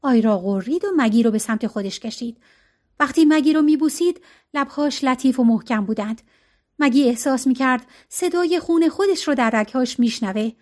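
Woman narrator, high voice, expressive audiobook reading.

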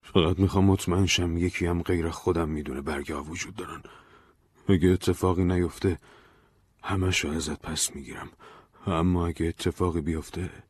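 A man's voice: deep voice, steady tone, a little mellow, slightly rough, no echo. A man voicing a paranoid young man who urgently and secretively begs a friend to keep his papers safe. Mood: urgent worried.

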